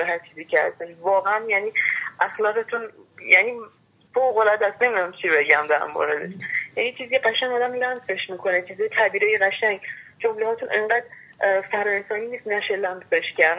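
A woman's voice: mid-range voice, slightly rough. A young woman, a medical student, calling in and speaking in an admiring, hesitant way, searching for words. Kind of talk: phone conversation. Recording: tinny phone line.

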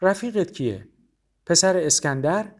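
Storybook casting: a gentle elderly patriarch, put on by the narrator, fatherly and calm. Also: high voice, voice pushed up.

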